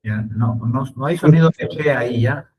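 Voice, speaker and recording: A man teaching an online English class, speaking slowly and repeating words for his students to copy. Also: medium pitch, a little mellow, far from the mic, slight background noise, low-quality recording.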